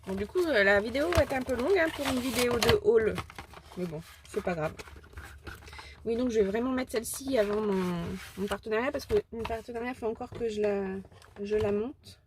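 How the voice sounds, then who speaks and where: A woman's voice: on the high side, a little fast, background noise. Chatty, giggly woman vlogger. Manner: rambling, chatty, with frequent restarts and giggles; excitable and self-deprecating. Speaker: craft vlogger showing a shopping haul. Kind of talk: casual chat.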